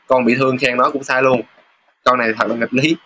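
A man teaching a casual lesson over test questions, chatty, pausing with filler sounds and reading example sentences aloud slowly. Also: medium pitch, little pitch movement, pushed and bright, a little hiss or hum. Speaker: Japanese teacher.

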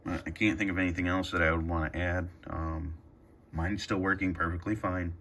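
In a carpeted room at home, a video host demonstrates a radio scanner in an improvised, casual tutorial. His voice is low with little pitch movement, a moderate pace, and a slightly bright tone, with a faint hiss or hum. He sounds hesitant, thinking aloud as he presses buttons.

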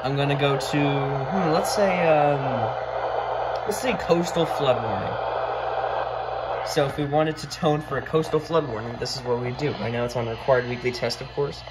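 This handheld phone recording captures a video creator's casual tutorial narration at an indoor wooden desk, where he thinks aloud while demonstrating. His mid-range voice moves at normal speed against heavy background noise.

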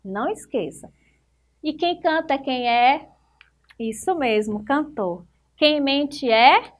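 A Brazilian woman teaching young children, her voice set a little high. She speaks very slowly and deliberately, stretching out words and praising answers as she corrects the worksheet. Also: animated. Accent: Brazilian Portuguese. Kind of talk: primary school lesson correcting exercises.

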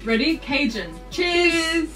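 A young woman hosting a casual group reaction chat, excitable and laughing as she leads her friends. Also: high-pitched, takes it slowly. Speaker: channel host. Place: indoors with friends. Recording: distant mic with background music.

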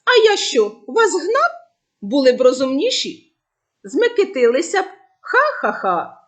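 A woman voicing a mischievous young shepherd boy in a storybook tale, shouting for help and laughing at others. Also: high-pitched, very animated, a little slow, pitched above the performer's own voice. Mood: mocking. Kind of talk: storybook voice acting.

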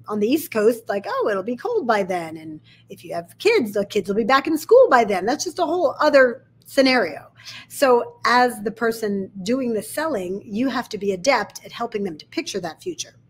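A woman's voice: fairly high pitch, husky. A woman sales coach with a slight lisp, explaining a method step by step in an instructional video.

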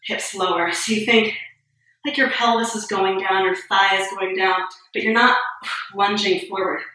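Echoey, bright-voiced woman yoga teacher. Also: mid-range voice, normal speed. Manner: calm step-by-step cueing, a little breathless and joking. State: a bit out of breath. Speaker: yoga instructor. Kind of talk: guided yoga class. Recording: very echoey room, voice far from mic.

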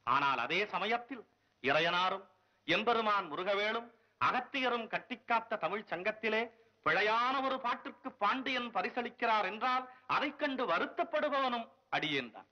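A stern, formal court poet. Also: male voice, high-pitched, expressive. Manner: formal, measured, scolding. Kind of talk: 1960s film acting. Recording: dull old film soundtrack.

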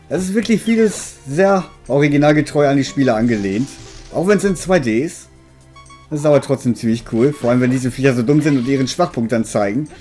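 A man gives casual game commentary in a mellow, relaxed voice. His manner is dry and mildly grumbling. Game music plays behind him. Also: mid-range voice. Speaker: let's player.

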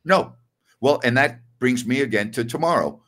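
A man's voice: medium pitch, expressive, moderate pace, a bit bright. An older man hosting a postgame basketball talk show over a video call, emphatic and opinionated, repeating his key words. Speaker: sports talk host.

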